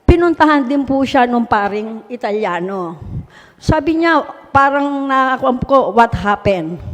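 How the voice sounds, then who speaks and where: With a high-pitched voice, lively intonation and an unhurried delivery, a female mayor tells an audience her personal testimony. Her storytelling is earnest and courteous, full of respectful particles, and the recording carries long hall reverb.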